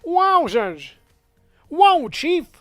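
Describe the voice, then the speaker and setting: A bumbling cartoon detective, eager and loud, exclaiming every line, as a man puts him on. The voice sits high and bright, in a dry, close sound. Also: big pitch swings, drawn-out words, dry recording, faint music behind, heavily acted. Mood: excited. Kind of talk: cartoon voice impression.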